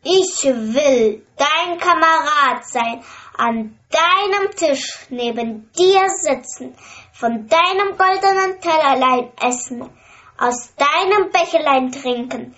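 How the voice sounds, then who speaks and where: A woman voicing a small, patient talking frog in a fairy tale, speaking slowly in a raised voice. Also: high voice, animated, fairly bright tone, lo-fi sound, heavily acted. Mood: pleading.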